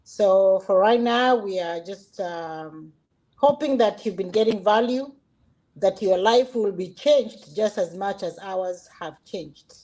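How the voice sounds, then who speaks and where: Slow, hesitant woman hosting a session. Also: mid-range voice, dark tone, poor audio. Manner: hesitant, pausing often. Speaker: host. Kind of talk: unscripted thanking and sign-off to viewers.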